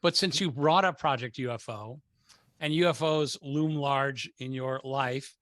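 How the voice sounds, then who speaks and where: A man's voice: mid-range voice, a little slow, a bit bright, no echo. A man hosting an interview, asking casual questions and steering the talk. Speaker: podcast host.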